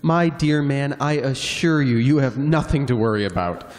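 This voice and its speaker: A man's voice: mid-range voice, animated, normal speed, lightly acted. Radio play: man as haughty, dry-witted passenger, theatrical up-and-down reading. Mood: sarcastic. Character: pompous, sarcastic man-about-town passenger. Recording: long hall reverb.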